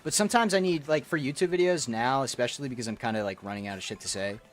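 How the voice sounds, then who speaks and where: Talking fast in a medium-pitched voice, a man streams a game and rambles casually to his chat, swearing and ranting as he goes. A little hiss or hum sits in the audio.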